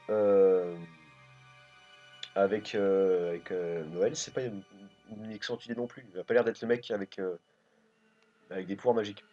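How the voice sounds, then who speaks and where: A man from France talks through his game choices in a casual let's play, hesitating and thinking aloud as he decides. His voice sits at a middle pitch. The sound is dull and lo-fi, with faint music in the background. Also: darkish tone. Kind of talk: casual gameplay commentary. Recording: dull lo-fi recording.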